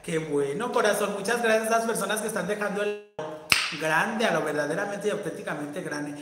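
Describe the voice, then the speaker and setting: A man's voice: sits high, fairly quick, over loud music. A flamboyant, campy man with a Mexican accent, chatting on a livestream and reading out viewer comments. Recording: very echoey room with long reverb.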